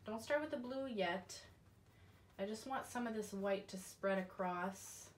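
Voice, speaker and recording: A woman's voice: mid-range voice, unhurried, slight background noise. A woman in her thirties from Canada leads a step-by-step painting tutorial. She explains each brushstroke in a friendly, instructive way, filmed in her indoor craft studio with a camera set in front of her.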